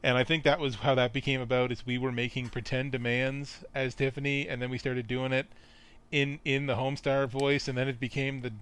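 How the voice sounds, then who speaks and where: A man's voice: mid-range voice, flat delivery, fairly quick, a bit bright, clear, resonant tone. Man, podcast co-host, casual chat, dry quips, short interjections.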